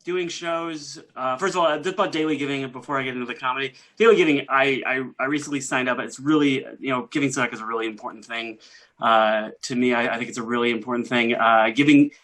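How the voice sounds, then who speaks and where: A man's voice: medium pitch, fairly even intonation, fast, a bit bright, rough recording. A man doing a rambling, self-deprecating stand-up set over a video call. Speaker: stand-up comedian.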